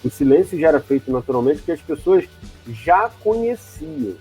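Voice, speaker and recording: A man's voice: on the high side, sing-song, moderate pace, creaky, warm tone, faint music behind, rough recording. A man hosting an interview, talking hesitantly and often adding tag questions. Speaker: interview host. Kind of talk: casual interview.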